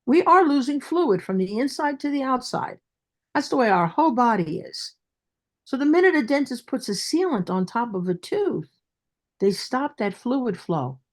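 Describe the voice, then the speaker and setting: A woman's voice: fairly high pitch, sing-song, normal speed. A woman with a Brooklyn accent speaking as a dentist guest in an interview, emphatic and repeating phrases for stress.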